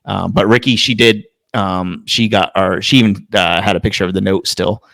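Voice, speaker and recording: A man with a lowish, gravelly voice rambles through casual podcast talk, swearing freely as he goes. The sound is dry and close. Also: steady tone, normal speed, fairly bright tone, no echo. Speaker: podcast co-host. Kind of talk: casual chat.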